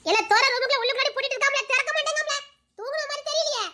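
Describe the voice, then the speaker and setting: A woman voicing a village mother who runs a shop and calls out loudly and scoldingly. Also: very high-pitched, rapid-fire. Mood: calling, worried.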